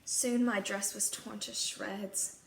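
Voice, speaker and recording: Speaking slowly and steadily at a medium pitch, a woman voices a princess in the first person while reading a scripted fairy tale for children. Her recording has a clear noise floor and an echoey room sound.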